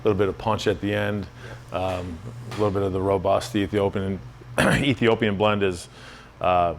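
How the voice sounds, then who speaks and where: A man's voice: low-pitched, flat delivery, moderate pace, a little hiss or hum. A man interviewing someone in casual chat, with informal, loosely phrased questions and easy agreement.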